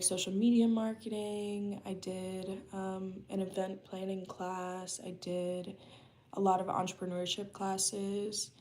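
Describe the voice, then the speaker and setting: An American woman in her early twenties chats casually with her live chat while working remotely from home. Her voice is lowish and a little mellow, and her loose talk is full of "um" and "like".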